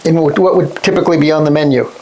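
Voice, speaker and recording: Man, high-pitched voice, interviewer, short friendly questions. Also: steady tone, rapid-fire, rough recording. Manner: brief questions and soft encouragements. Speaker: interviewer, lodge member. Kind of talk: casual oral-history interview.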